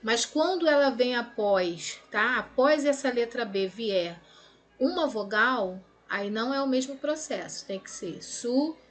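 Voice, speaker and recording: Slow, high-voiced Brazilian teacher woman. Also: lively intonation. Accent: Brazilian Portuguese. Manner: explains step by step, checks in with "tá?"; stretches out words slowly to separate syllables. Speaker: Portuguese grammar teacher. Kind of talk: recorded lesson correcting exercises.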